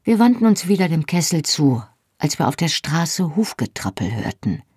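A woman narrating an audiobook in the first person, with measured, lightly dramatized storytelling. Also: low voice, sing-song, darkish tone, breathy edge, no room sound. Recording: close, dry studio voice.

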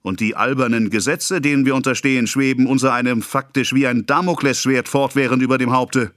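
A male narrator voicing a pompous, excitable middle-aged apothecary who rants and scolds in a self-important way. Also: fairly high pitch, slow, dry recording, studio quality, pitched above the performer's own voice, full character voice. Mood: scolding. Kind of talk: audiobook character voice.

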